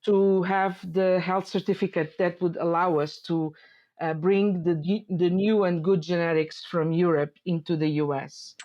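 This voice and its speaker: At a measured pace, a woman from Portugal in her forties talks about sheep dairy farming in an interview, her accented speech halting and peppered with fillers and false starts. Her lowish voice is a little mellow with fairly level intonation, and the sound is lo-fi.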